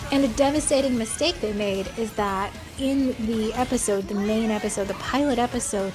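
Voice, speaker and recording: An American woman giving casual, opinionated commentary in a blunt, wry, conversational way. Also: fairly high pitch. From United States. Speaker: video commentator. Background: music.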